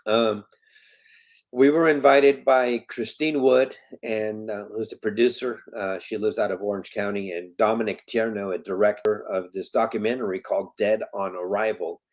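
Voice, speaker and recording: Speaking at normal speed with fairly even intonation and a fairly low pitch, a Colombian foundation president in his fifties talks as a guest in a casual interview. His manner is earnest and emphatic, and he keeps coming back to his main points.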